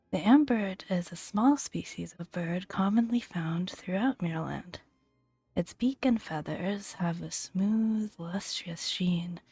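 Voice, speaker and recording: A gaming video host reads game entries aloud in a soft, breathy ASMR voice that often drifts into a whisper, adding casual asides. Her lowish voice is gentle and unhurried, with long pauses between phrases. The close, very dry recording has no room sound beyond faint music underneath.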